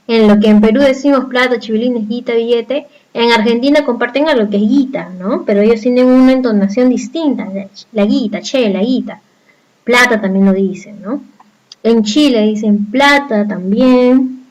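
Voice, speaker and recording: The audio is dull in this recorded class, taught by a woman from Peru who speaks with a Peruvian Spanish accent. Her voice is fairly high, and she walks through the material step by step while often asking her students rhetorical questions.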